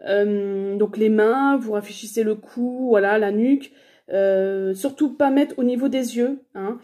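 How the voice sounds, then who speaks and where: A woman's voice: mid-range voice, measured pace, warm tone. A woman in her thirties chatting casually through a shopping haul, hesitant and full of fillers. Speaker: haul vlogger.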